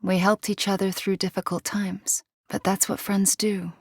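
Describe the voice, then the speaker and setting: A woman playing a guilt-ridden young witch superheroine in a video game, earnest and measured, with a dry wit. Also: medium pitch, level tone, husky, no room sound. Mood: earnest, warm.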